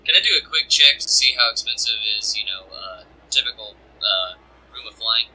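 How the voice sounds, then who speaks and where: A man playing a tabletop game talks loosely, cracking jokes and cursing now and then. His voice is very bright and sits at a middle pitch for a man. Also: expressive, fairly quick, slightly rough, poor audio. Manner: casual, joking, swears freely. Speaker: player. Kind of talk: casual tabletop play.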